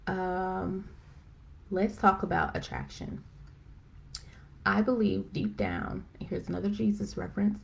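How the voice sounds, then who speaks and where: Gravelly-voiced woman chatting on a live stream. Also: mid-range voice, a little hiss or hum. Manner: chatty, rambling, many fillers; excited, self-described as talking fast. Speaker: host of a live video chat. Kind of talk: casual faith-based chat. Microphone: phone or computer for a live stream.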